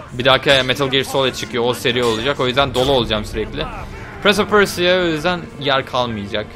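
A young man giving casual, chatty commentary while playing a video game, talking to the game and swearing lightly with sudden excited outbursts. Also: medium pitch. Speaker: gameplay video host. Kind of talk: casual let's-play commentary.

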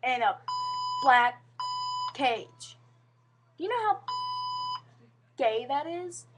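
A young woman talks into her webcam at home with a high, bright-pitched voice. Her delivery is rambling and earnest, full of fillers and false starts. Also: big pitch swings, very slow, noisy background. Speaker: vlogger. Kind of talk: casual webcam monologue. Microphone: webcam mic.

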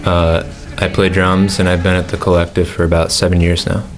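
A man's voice: deep voice, little pitch movement, a little fast, over loud music. An eighteen-year-old man answering interview questions casually, rambling a little with fillers, in a studio. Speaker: music school student. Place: indoor studio in front of a backdrop.

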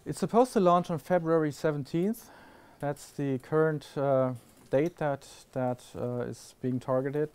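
A man's clear, resonant, slightly high and a little mellow voice moves at a measured pace as he responds to audience questions on a conference panel. He restarts sentences often with fillers, thinking carefully, in a classroom lecture hall before an audience.

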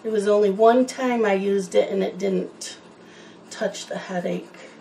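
A woman's voice: medium pitch, unhurried, warm tone, slight background noise, low-quality recording. A woman chatting in a rambling, casual way while she colors, wandering from one topic to the next. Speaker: coloring channel host.

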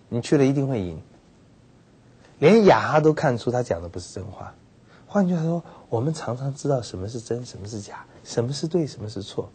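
A man pastor with a Taiwanese Mandarin accent giving a Bible teaching lecture, telling the story with animated quoted voices. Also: breathy edge. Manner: animated storytelling, acts out quoted characters with sudden pitch jumps. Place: television studio.

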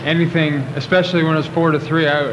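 This young athlete, in his twenties, speaks fast in a slightly high, level voice, and the recording sounds muffled. Fielding questions at a post-game press conference through podium table mics, he wanders off track with lots of fillers and false starts, all captured on noisy old video in a press room.

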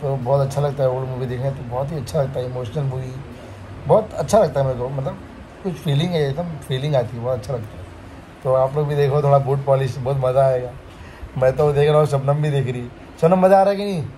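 A man's voice: medium pitch, fast talker, warm tone, slight background noise. A man chatting to his viewers in a casual family vlog while riding a motorbike. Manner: chatty, keeps addressing viewers. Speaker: family vlogger host. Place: riding a motorbike outdoors in traffic, later at home. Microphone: phone camera held close to the face.

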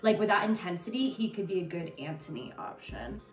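A young adult woman who writes and produces audio dramas gives producer updates in a casual vlog from inside her home. Her voice is on the low side, brisk, with lively intonation. Background music and a roomy echo fill the recording.

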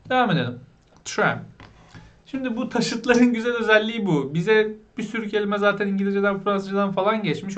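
A man teaching basic English vocabulary, explaining patiently, asking learners questions and pronouncing words slowly. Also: high-pitched, fairly bright tone. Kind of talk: vocabulary lesson.

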